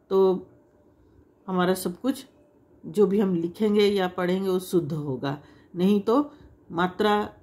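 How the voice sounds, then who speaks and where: A woman's voice: medium pitch, a little mellow. A woman teaching a language lesson to children, explaining patiently with repeated examples and drawing out vowel sounds to demonstrate them. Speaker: Hindi teacher.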